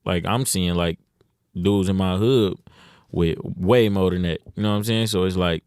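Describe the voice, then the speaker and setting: A young rapper from Detroit, USA, talks as a guest on a podcast in a casual interview, using laid-back slang and saying "you know what I'm saying" often. His voice is low-pitched, clean and a little mellow, at normal speed. The studio sound is clean with no echo.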